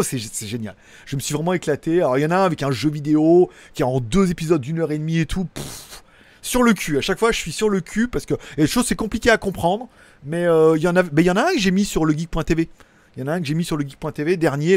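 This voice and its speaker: A man's voice: a little high, fast talker, darkish tone, no echo. A man from Lyon hosting a casual tech live stream, rambling through viewer comments with crude slang and lots of fillers. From Lyon, France. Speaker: tech channel host.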